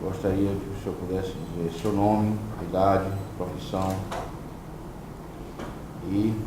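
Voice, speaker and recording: Low, flat-voiced man in a roomy hall. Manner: formal and courteous, addresses guest as doctor. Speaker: commission member leading the interview. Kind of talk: formal interview questioning. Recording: roomy, distant mic with noisy background.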